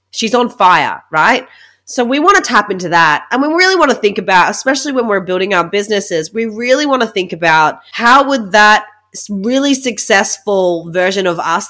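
A female podcast host with a stuffed-up, nasal voice and a medium pitch. She talks informally and emphatically, like a coach explaining ideas to her listeners, often checking in as she goes. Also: fairly bright tone. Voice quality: nasal, blocked-nose voice. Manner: chatty, informal, emphatic with check-in tags like "right?". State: congested with a blocked nose. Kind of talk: casual solo podcast talk.

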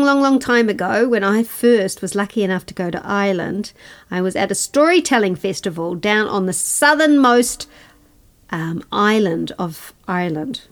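A woman with a New Zealand accent hosting a children's podcast, telling stories conversationally and expressively, repeating words for emphasis and asking listeners questions. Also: medium pitch. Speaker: children's storyteller and podcast host. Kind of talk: conversational oral storytelling for children. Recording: prominent guitar music under speech. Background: guitar music.

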